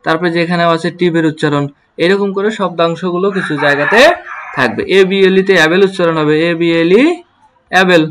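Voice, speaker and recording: High-voiced man spelling words out slowly. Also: fairly even intonation, a bit bright, a little hiss or hum. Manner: slow, spells words letter by letter and repeats them; asks students questions and answers them himself. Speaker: English pronunciation teacher. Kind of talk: online phonics lesson.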